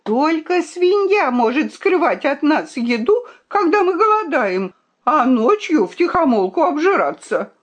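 A woman's voice: high voice, big pitch swings, measured pace, dull audio, pitched above the performer's own voice. A woman reading aloud and voicing a spoiled, haughty young princess in a storybook. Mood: accusing. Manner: accusing, haughty.

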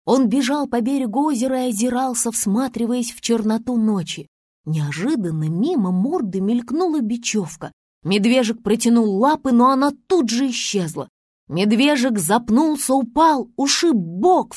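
A woman narrating a children's story in an animated storyteller manner, with a slightly breathy voice. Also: no echo, clean studio sound. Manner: animated storyteller with big pitch swings. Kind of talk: expressive children's story reading.

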